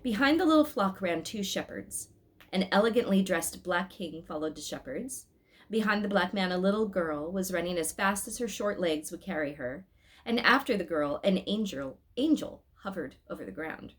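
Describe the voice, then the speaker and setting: A woman with a fairly low voice reads a story aloud at a moderate pace. She's animated and informal, dropping little asides to her listeners as she goes.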